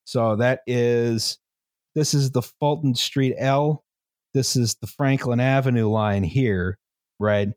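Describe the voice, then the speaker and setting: A man's voice: medium pitch, slow, a little mellow, no echo, clean studio sound. A man hosting a casual history podcast, explaining at length with many fillers and checks of "right?". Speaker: podcast host presenting the history.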